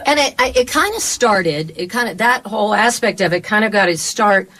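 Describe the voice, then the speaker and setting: A woman's voice: mid-range voice, lively intonation, normal speed, a bit bright. A woman giving casual, enthusiastic interview answers as a member of a band.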